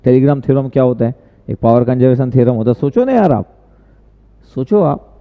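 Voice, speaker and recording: A man's voice: mid-range voice, lively intonation, fairly quick. A male tutor teaching casually in a live stream, chatty and answering viewers' questions, often repeating himself. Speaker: online tutor. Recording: tinny, echoey lo-fi stream audio.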